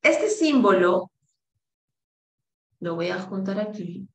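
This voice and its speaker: A woman teaching an English pronunciation class, slowly modeling vowel sounds for students to repeat and slipping between two languages. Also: medium pitch, animated, reverberant. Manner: slow and deliberate, drawing out each vowel and code-switching to English.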